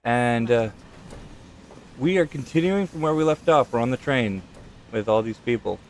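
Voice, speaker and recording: A man's voice: medium pitch, animated, normal speed. A man doing casual gameplay commentary in a rambling, jokey and crude way. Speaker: gaming video creator. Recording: noticeable background noise.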